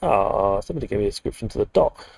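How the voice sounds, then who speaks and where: A man's voice: lowish voice, animated, quick pace, vocal fry, darkish tone, no room sound. A British man from the UK chatting casually while live-streaming a game, rambling with dry, muttered asides. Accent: British English. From United Kingdom.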